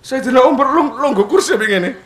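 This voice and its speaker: Lively preacher, bright voice. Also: male voice, extremely high pitch, moderate pace, a little hiss or hum. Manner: animated storytelling, acts out characters and laughs often. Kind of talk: humorous religious study talk.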